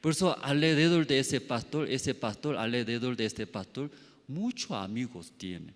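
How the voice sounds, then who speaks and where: Male pastor preaching in a reverberant hall. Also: medium pitch. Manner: animated storytelling with sound effects and acted quotes, halting non-native phrasing. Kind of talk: sermon. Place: church hall. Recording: long church hall reverb.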